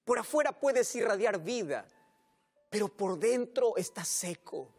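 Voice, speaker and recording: A man preaching a sermon as a pastor, fervent and repetitive, growing quiet and tender toward a closing prayer. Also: high voice, animated, unhurried, soft background music. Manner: impassioned preaching, turning soft and hushed for the closing prayer.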